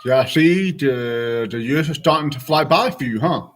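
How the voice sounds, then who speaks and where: A man's voice: medium pitch, unhurried. A man of forty chatting casually and frankly with his stream viewers, rambling from thought to thought. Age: 40s.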